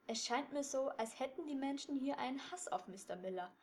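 A woman's voice: sits high, lively intonation, fairly quick, a little mellow, slight background noise, voice pushed up. Justus, a woman doing a bossy boy detective. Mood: thoughtful. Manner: firm, explaining, slightly impatient.

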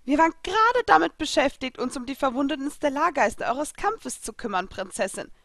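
Woman doing a high polite maid spirit. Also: expressive, brisk, fairly bright tone, no echo, clean studio sound. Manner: deferential, courteous.

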